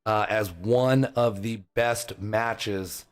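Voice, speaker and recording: A man casting a school esports match live, shouting the plays and then talking emotionally about his players. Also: fairly low pitch, extremely slow. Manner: excited shouting play-by-play; emotional, rambling heartfelt talk. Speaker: esports caster. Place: lobby, alone.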